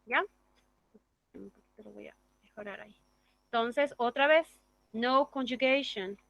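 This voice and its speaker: A woman's voice: on the high side, moderate pace, creaky, fairly bright tone, dry recording, dull audio. A woman teaching an English grammar class, explaining step by step and checking in with the class through tag questions. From Bolivia.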